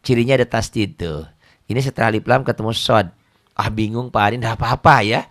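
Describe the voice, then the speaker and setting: A middle-aged man teaches Quran reading at an easy, chatty pace. His voice sits at an ordinary middle pitch. He jokes, repeats words and slows right down to recite verses. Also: a bit bright. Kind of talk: casual teaching with anecdotes.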